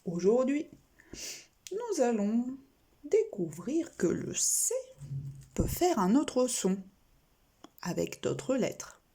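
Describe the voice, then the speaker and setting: A woman teaching a recorded primary school reading lesson, talking slowly and deliberately and spelling out letters and sounds one at a time. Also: on the high side, sing-song, mellow, husky.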